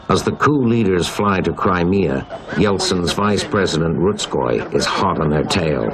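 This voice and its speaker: A man narrating a documentary in a measured, scripted delivery. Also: low-pitched, background noise.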